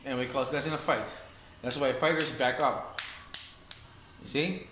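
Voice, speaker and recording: A man's voice: mid-range voice, fairly even intonation, unhurried, background noise. A man teaching Wing Chun in a loose, rambling way, repeating himself and talking while he demonstrates moves. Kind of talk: casual martial arts demonstration talk. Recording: echoey room with faint ambience.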